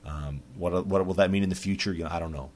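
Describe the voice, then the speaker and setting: A podcast host talks casually in a deep, steady, darkish voice, moving at a quick pace. His monologue rambles, full of restarts and fillers.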